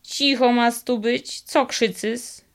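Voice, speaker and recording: A woman voicing a cunning old highland fiddler who speaks in a slow, drawling Podhale dialect. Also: steady tone, vocal fry. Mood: stern. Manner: slow, drawling folksy speech.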